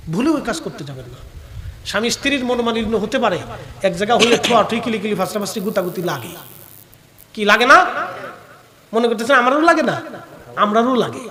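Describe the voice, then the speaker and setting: A man preaching a sermon, moving from calm explanation to loud scolding and rhetorical questions put to the crowd. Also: high voice. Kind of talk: fiery sermon answering audience questions. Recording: long hall reverb.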